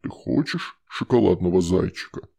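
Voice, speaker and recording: A man reading an audiobook voices a scheming, coaxing shadow spirit in a slow, husky, wheedling voice. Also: low-pitched, lively intonation, warm tone, voice pushed down, exaggerated voice. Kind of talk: audiobook character voice.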